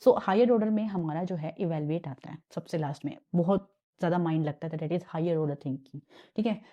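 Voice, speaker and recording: A woman's voice: deep voice, normal speed, warm tone, lo-fi sound. A woman with an Indian accent teaching an exam revision lesson, switching between Hindi and English and asking her students questions as she explains.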